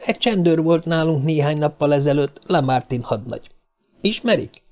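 Reading an audiobook, a man with a slightly mellow, natural voice plays a small, nervous, cigar-smoking man who puts on a cheeky front. When the character gets frightened, he stammers, high and quick.

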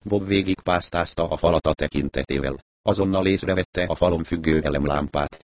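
A man narrating a story as an audiobook reader, in a measured, even manner. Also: sits low, no room sound. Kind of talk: audiobook reading.

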